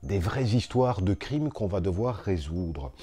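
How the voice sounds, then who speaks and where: A man's voice: low voice, animated, measured pace, dark tone, breathy edge. A man co-hosting a casual chat, enthusiastically explaining board games. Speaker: board game reviewer co-host.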